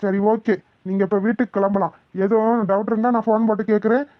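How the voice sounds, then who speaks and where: A woman voicing a young male police officer who questions people calmly and reassures them. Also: mid-range voice, fast talker, dry recording, narrow, tinny audio, lightly acted. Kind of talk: cartoon voice acting.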